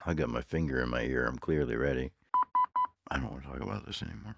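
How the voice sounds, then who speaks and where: A man with an extremely deep, gravelly voice trades deadpan wisecracks as a podcast co-host. His pitch swings widely when he jokes, and a loud noise sits under the whole recording. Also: fast talker. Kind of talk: casual banter. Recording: very noisy recording.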